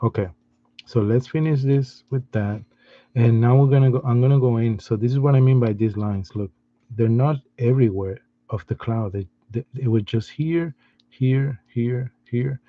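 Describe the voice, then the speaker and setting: A man giving a step-by-step drawing lesson in a patient, soft-spoken way, often restarting his sentences. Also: medium pitch, normal speed, no room sound, muffled recording. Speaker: art teacher.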